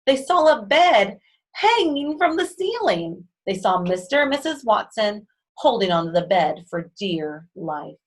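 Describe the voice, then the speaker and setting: A woman's voice: medium pitch, big pitch swings, a little slow, low-quality recording. A woman reads a children's storybook aloud. She breaks in now and then with chatty asides of her own. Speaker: reader. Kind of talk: reading a children's book aloud.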